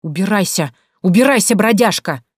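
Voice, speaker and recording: A woman reading aloud voices a frightened male gatekeeper who shouts in a panic. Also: medium pitch, animated, normal speed, husky, no echo, studio quality. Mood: panicked.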